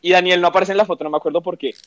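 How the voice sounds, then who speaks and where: A man's voice: high-pitched, steady tone, very fast, fairly bright tone. A young man telling a story to friends in casual chat, acting out quotes and swearing freely. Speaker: podcast co-host. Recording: dull lo-fi sound.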